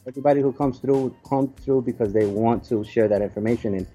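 Answering as an interview guest, a man speaks in a relaxed, mellow voice of medium pitch that's slightly rough. His explanations are casual and somewhat halting, stacking up examples. Soft music plays faintly in the background.

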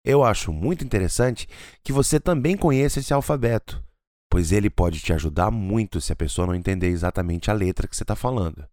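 A man hosting a podcast English lesson, slowly spelling out letters and code words. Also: a little mellow, dry recording, clean studio sound. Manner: slow and deliberate, drawing out each letter with wide pitch swings. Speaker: English teacher and podcast host.

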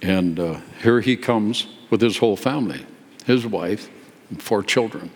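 An older man with a low voice preaches to a congregation, telling his story in a folksy, confessional way with dry asides. His sinuses sound stuffed up, and the long reverb of a large sanctuary trails after each phrase. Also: measured pace, husky. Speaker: guest preacher. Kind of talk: sermon storytelling. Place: church sanctuary.

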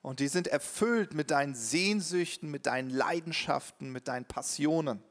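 A man interpreting a sermon live, quick and earnest, with the odd hesitation. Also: on the high side.

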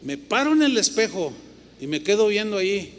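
A high-voiced, middle-aged Mexican pastor preaching from the pulpit. He tells animated stories and acts out the other people in them. His voice rings through a big hall with a long echo and faint noise behind. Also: moderate pace. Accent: Mexican Spanish. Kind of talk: sermon. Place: church hall with long reverb.

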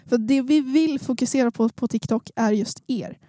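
A woman's voice: on the high side, warm tone, no echo, studio quality. A young woman from northern Sweden who speaks with a Stockholm accent, chatting casually as a podcast co-host. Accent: Stockholm Swedish. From Sundsvall, northern Sweden.

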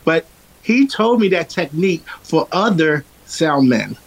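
A Philadelphia singer who says he has a powerful voice rambles loosely through a casual interview chat, full of fillers and restarts. His strong voice is fairly high, swings widely in pitch, and moves unhurriedly, though the recording is rough.

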